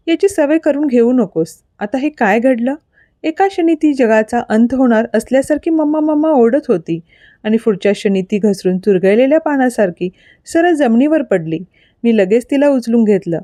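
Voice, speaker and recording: A woman reading a dramatic audio story aloud in an expressive, storytelling manner. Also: on the high side, no echo. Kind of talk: scripted narration of an audio story.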